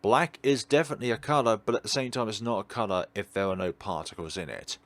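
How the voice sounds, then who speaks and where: Reading a visual novel aloud for a let's play, a man speaks quickly in a lowish voice. His off-script commentary rambles and digresses as he muses along.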